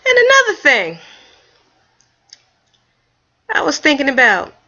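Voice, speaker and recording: A woman vlogger telling a story in a casual, animated, folksy way. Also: sits high, brisk. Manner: animated, folksy storytelling with Southern-leaning speech. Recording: dull lo-fi home video.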